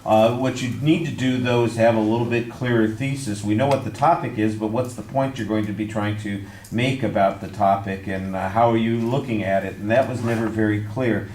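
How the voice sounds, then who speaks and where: A man, a speech instructor, giving measured, constructive feedback on a student's speech with frequent fillers. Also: on the low side, steady tone, darkish tone, reverberant, slight background noise. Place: classroom.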